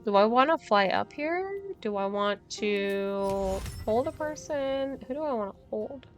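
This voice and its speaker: Slow, chatty woman streamer. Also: on the high side, lively intonation, soft background music. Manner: chatty, thinks aloud, laughs often. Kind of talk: casual gameplay commentary.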